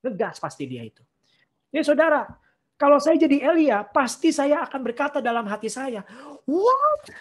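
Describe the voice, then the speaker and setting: A woman's voice: high-pitched, a little fast, hardly any pauses. A woman giving a casual online sermon. She mixes in slang and English phrases and acts out the people in the story with playful voices. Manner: lively, acts out Bible figures in playful voices. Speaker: preacher.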